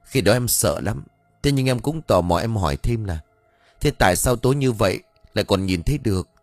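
A man's voice: fairly low pitch, lively intonation, brisk, no echo, soft background music, lightly acted. A man voicing a worried young village wife and mother in an audio ghost story, anxious and firm with her child.

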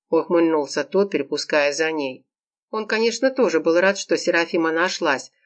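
Woman narrating a lively audiobook. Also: lowish voice. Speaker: audiobook reader. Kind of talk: scripted narration.

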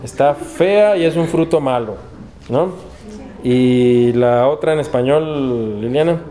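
A man with a Mexican accent teaching a class in a university lecture hall, drilling pronunciation slowly and patiently, word by word. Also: medium pitch, warm tone. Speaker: Esperanto teacher.

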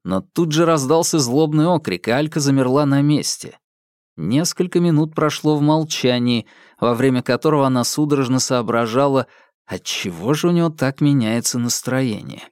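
A man's voice: mid-range voice, moderate pace, darkish tone, dry recording, studio quality. Man narrating a tense thriller audiobook. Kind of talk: scripted narration.

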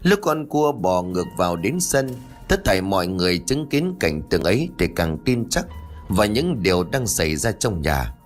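Guy reading a ghost story, low voice, really lively delivery. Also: normal speed, soft background music. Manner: expressive, dramatic. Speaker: audiobook narrator. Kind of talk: storytelling narration.

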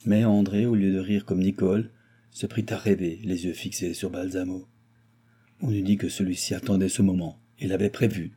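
Male audiobook narrator, low husky mellow tone, steady telling. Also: moderate pace. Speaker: audiobook reader. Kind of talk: novel reading.

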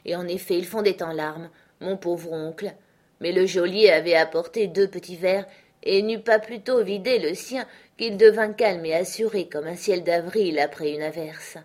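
A woman's voice: lowish voice, moderate pace, darkish tone. Woman narrating a classic novel. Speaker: audiobook reader.

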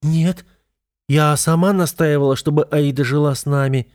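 A man's voice: fairly high pitch, steady tone, normal speed, a little mellow, pitched above the performer's own voice, close to an everyday voice. A man reading an audiobook, voicing a jealous young wife who pleads in a trembling half-whisper. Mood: anxious.

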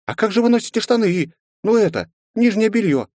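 A man's voice: high-pitched, animated, darkish tone, no echo, clean studio sound, voice pushed up. A man doing an eager chattering little girl. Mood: eager curious. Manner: eager rapid questions.

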